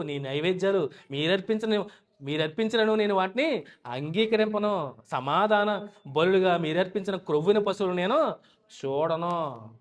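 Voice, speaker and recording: A male pastor preaching a sermon in a storytelling way, acting out the scenes he describes. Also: sits high. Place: church.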